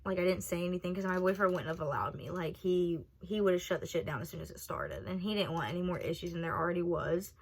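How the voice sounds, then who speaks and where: Young female vlogger, casual and profane, animated storyteller. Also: lowish voice, quick pace, hardly any pauses, husky. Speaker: vlogger telling a personal story.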